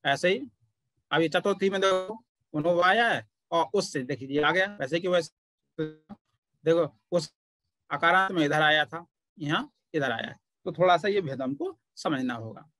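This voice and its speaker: Man, Pali grammar teacher, slow patient explaining, slightly high voice, dry close sound. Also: bright, forceful tone, no room sound. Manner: slow, patient explaining, often pausing to point things out. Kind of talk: online grammar lesson.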